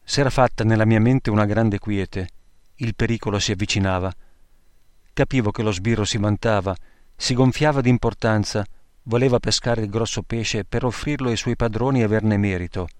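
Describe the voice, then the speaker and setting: Man, low voice, measured memoir reading, grave, dry close sound. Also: a little mellow, dry recording. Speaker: narrator.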